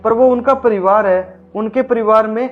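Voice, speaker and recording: A level-headed son, played by a man in a home-made family skit, calmly reasoning with his mother. His voice sits fairly high and sounds a bit muffled. Light background music plays. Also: normal speed, lightly acted. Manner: calm, reasoning. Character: reasonable grown son and husband. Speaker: channel host. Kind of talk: amateur family drama acting.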